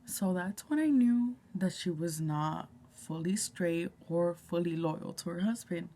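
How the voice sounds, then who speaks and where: A woman vlogger telling a casual story, often dropping to a hushed whisper and swearing freely. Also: fairly low pitch, a little slow.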